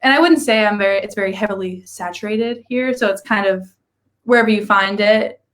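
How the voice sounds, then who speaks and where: A young woman who takes singing lessons talks candidly in a casual interview, often laughing at herself. Her mid-range voice moves fairly quickly and has a fairly bright tone.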